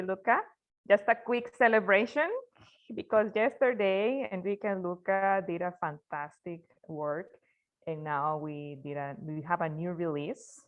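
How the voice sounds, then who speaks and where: Woman hosting a zoom call, lowish voice, a bit muffled, upbeat, restarts a lot. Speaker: host. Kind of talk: video call welcome. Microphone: video call. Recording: lo-fi video call audio.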